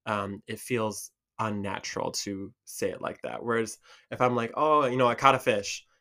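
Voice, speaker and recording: A man's voice: lowish voice, normal speed, pushed and bright. Chatty young man. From Michigan. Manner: chatty, rambling, lots of fillers and laughs. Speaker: podcast host. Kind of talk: casual chat.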